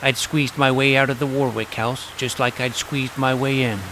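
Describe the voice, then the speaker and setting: This actor is both narrator and lead character, voicing a confident, plucky boy detective who tells his own adventures, sounding wry and relieved. The man's mid-range voice is flat and lightly acted at a moderate pace, with background noise and loud dramatic music beneath him.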